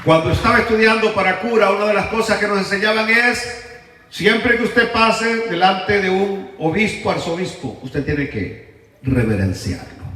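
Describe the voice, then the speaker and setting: A man pastor preaching a sermon, telling the story dramatically, with swings between loud shouts and hushed asides. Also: sits high. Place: church sanctuary. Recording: echoey church hall, mic at a distance.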